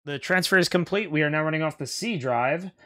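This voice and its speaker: A man live streaming casual game commentary in an excitable, joking, sweary way. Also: fairly high pitch, brisk. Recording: music and game sound underneath.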